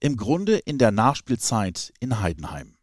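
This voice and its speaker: A man's voice: mid-range voice, very animated, a little slow, no room sound, studio quality. A man reading scripted narration for a sports report.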